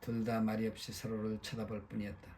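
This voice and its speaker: A male audiobook narrator with a mellow, dark voice and very little pitch movement. He reads in a steady, even way over a faint hiss. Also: fast.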